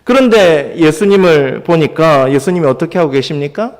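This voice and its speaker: Man, pastor, high voice, Sunday sermon, dramatic retellings, echoing church sanctuary. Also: expressive, moderate pace. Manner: dramatizes the disciples' cries in a raised voice. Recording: long church hall reverb.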